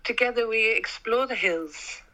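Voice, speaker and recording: A woman's voice: on the high side, a little slow, crowd noise, rough recording. A woman singer being interviewed on the radio, cheerful and playful, laughing easily. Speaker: singer, guest.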